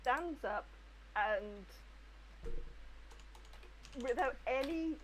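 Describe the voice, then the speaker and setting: A woman's voice: sits high, lively intonation, extremely slow, a little hiss or hum, rough recording. A woman role-playing casually as a player in a tabletop game.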